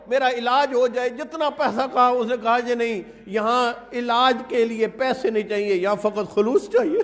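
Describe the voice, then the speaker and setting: Impassioned cleric with a very high voice. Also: male voice, a bit bright. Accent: Pakistani Urdu. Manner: impassioned, rising into wailing recitation. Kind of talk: Muharram-style majlis sermon, chanted and emotional. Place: large mourning gathering hall. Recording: long hall reverb.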